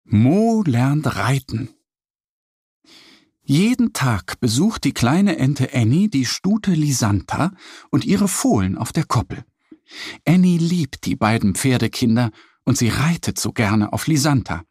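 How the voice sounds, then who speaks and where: A man narrating a children's story in a slow, lively, slightly husky voice. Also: medium pitch, no echo, studio quality.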